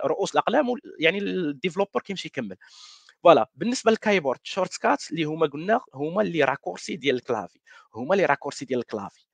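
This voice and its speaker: A man's voice: on the high side, vocal fry, dry recording. A man with a Moroccan Darija accent walking viewers through a coding demo, often mixing in French words and restarting his sentences. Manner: mixes French words, many restarts and fillers. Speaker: workshop presenter. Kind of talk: live coding walkthrough.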